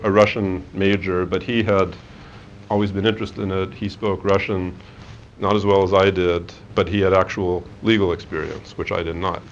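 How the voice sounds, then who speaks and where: In a lecture room, a man in his forties gives students a conversational talk about careers as a guest speaker, full of fillers and restarts. His voice is low-pitched, and the lo-fi recording carries slight background noise.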